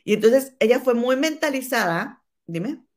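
A woman in casual gossip chat, animated and calling her listener comadre. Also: fairly high pitch, measured pace. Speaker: co-host.

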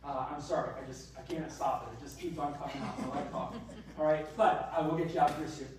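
A man's voice: a little high, fairly even intonation, fast, darkish tone. A male pastor delivering a chatty sermon, repeating phrases for emphasis and joking about himself. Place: church sanctuary. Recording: very echoey room from far off, faint ambience.

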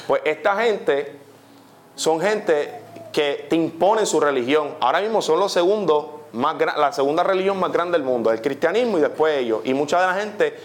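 A young man with a Puerto Rican accent preaching a testimony sermon, animated, often saying "literally" and putting questions to his listeners. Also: a little high. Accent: Puerto Rican Spanish.

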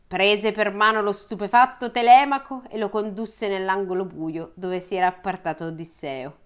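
A woman's voice: mid-range voice, fairly even intonation, moderate pace. Young woman reading a story aloud, laughing. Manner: laughs while reading, acts out quoted lines. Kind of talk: casual read-aloud with banter.

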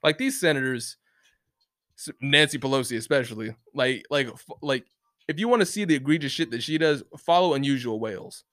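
Fairly quick and a bit bright, a medium-pitched man delivers a casual rant to camera full of restarts, fillers and free-flowing profanity. It's recorded on a close mic in studio quality with no room sound, and the mic is bumped once.

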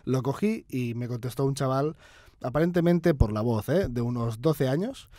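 A man's voice: medium pitch, animated, normal speed, mellow, no echo. Male podcast guest from Catalonia, chatty storyteller, dry close recording. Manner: rambling anecdote with fillers and laughs. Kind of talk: casual chat, storytelling.

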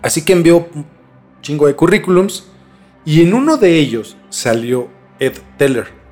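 Expressive and a bit high, this man's slightly mellow voice keeps a measured pace. He's a Mexican-accented podcast host mixing narrated storytelling with colloquial, slangy chat, backed by music.

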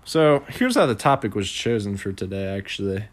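On a casual podcast, a young co-host talks at normal speed in a rather low, very animated voice. He's easygoing throughout, laughing often and filling his speech with fillers.

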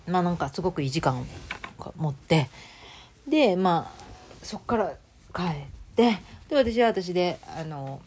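Chatty Kansai woman, lowish voice. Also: animated, unhurried, darkish tone, slight background noise. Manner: chatty storytelling, acting out quoted voices. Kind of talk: casual chat.

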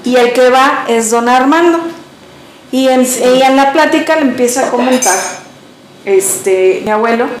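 A woman's voice: high-pitched, unhurried, a little hiss or hum. A woman with a Mexican accent telling a family story in a casual, rambling way full of fillers. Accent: Mexican Spanish. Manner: rambling, many fillers, acts out dialogue. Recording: echoey room.

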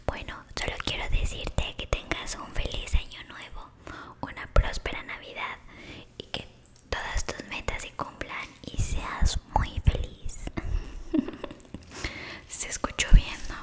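A woman whispering ASMR talk straight to the listener, soft and affectionate, repeating words slowly. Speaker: ASMR creator. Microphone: close sensitive microphone.

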